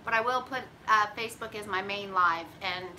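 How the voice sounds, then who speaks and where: Keto cooking host, middle-aged, drawl, bright and chatty, phone mic in a home kitchen. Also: female voice, medium pitch, a little fast, a little hiss or hum, poor audio. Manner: chatty, folksy, drawls "y'all". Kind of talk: casual live-stream chat. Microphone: phone camera at arm's length.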